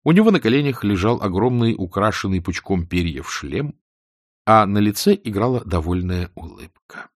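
Man reading an audiobook, lowish voice, really lively intonation, dry close sound. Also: normal speed, no echo. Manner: expressive, varied reading. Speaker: audiobook narrator. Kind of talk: scripted narration.

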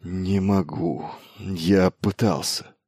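A man voicing a frightened male ship engineer who talks in a halting, strained, despairing way. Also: low-pitched, a little mellow, dry recording, clean studio sound.

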